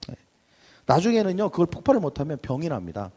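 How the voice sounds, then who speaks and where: Male pastor, sermon delivery, slightly high and husky, long church reverb. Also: quick pace. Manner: lively preaching, questions to the congregation, acted outbursts. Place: church sanctuary.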